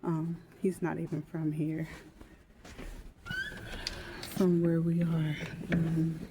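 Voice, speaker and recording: A woman's voice: sits low, completely flat delivery, slow. Woman rambling candidly on a walk outside, takes her time, lots of traffic noise around her. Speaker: vlogger. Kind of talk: casual walk-and-talk vlog to viewers. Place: outdoors, walking. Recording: noisy outdoor street with traffic.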